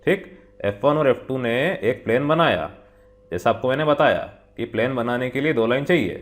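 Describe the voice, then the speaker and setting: A man teaching physics in a step-by-step lesson, patiently explaining each point to his students and slowly reading out the problem. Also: mid-range voice, lively intonation. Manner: slow, patient, talks the viewer through each step; reads the question text slowly, word by word. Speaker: physics tutor. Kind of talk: whiteboard lesson, mixing Hindi and English.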